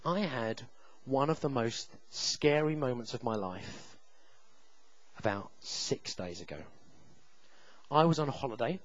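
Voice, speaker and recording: A man in his thirties preaching a sermon, telling a personal story with self-deprecating humor and loud shouted reenactments. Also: medium pitch, lo-fi sound. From England.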